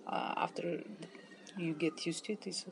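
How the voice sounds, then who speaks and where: A woman from Bulgaria, speaking English in a lively way with simple phrasing. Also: on the low side, a little slow, noisy background. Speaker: expat interviewee. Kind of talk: casual talk to camera.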